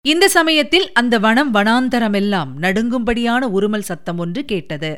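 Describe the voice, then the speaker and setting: A woman narrating an audiobook of a historical novel in an even, measured storytelling manner. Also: fairly high pitch, clean tone.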